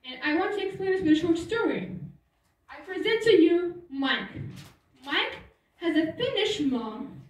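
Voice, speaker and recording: A Turkish teenage student, whose first language is Turkish, gives an earnest school talk, explaining things step by step in a high voice. She is recorded from far off the microphone in a large hall, so her voice echoes heavily.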